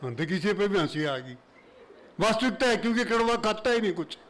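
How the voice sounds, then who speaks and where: A man's voice: high-pitched, lively intonation, a little fast, fairly bright tone, a little hiss or hum, rough recording. A man from Haryana with a Haryanvi accent, telling folksy jokes and humorous verse to an audience in an auditorium, speaking into a stage mic. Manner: folksy, chatty joke-telling in Haryanvi dialect. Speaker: comic poet performing on stage. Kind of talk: stand-up humorous storytelling and verse. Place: auditorium before a live audience.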